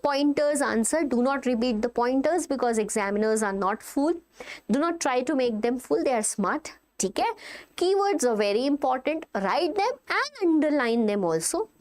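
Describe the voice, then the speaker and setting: A woman with a North Indian accent teaching a live online revision class, emphatic and instructive, repeating key points to her students. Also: sits high. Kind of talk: live exam revision lesson, addressing students directly.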